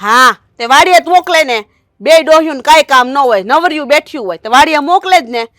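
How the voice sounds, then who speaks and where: A woman playing a bossy, sharp-tongued sister-in-law. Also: high-pitched, animated, fairly quick, dry recording, studio quality. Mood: scornful. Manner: scornful, bossy. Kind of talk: village family drama acting.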